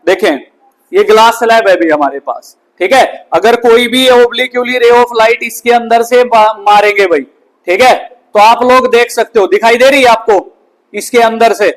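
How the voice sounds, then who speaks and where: A man's voice: very high-pitched, normal speed, rough recording. A male science teacher giving a classroom physics lesson, asking the class questions and answering them himself, then calling students up one by one. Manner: often ends lines with "bhai"; calls students up one by one to look. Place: school classroom.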